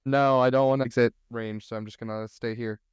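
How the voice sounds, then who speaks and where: Smooth-voiced man calling dice numbers. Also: medium pitch, steady tone, a little fast, no room sound. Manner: matter-of-fact, reads out dice numbers. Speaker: player. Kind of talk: casual tabletop play.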